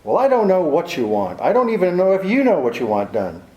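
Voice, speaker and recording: A man's voice: medium pitch, very animated, moderate pace, mellow, dull audio, lightly acted. A man playing a cynical, tough private detective with a wry, clipped, world-weary delivery, in 1940s radio drama style, in a roomy recording.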